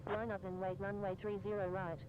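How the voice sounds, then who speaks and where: A male pilot, voiced for a flight game reads back clearances formally. His voice is high and very flat, heard through dull audio with loud aircraft noise behind it. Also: brisk, lightly acted. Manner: formal, monotone. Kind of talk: pilot radio readbacks.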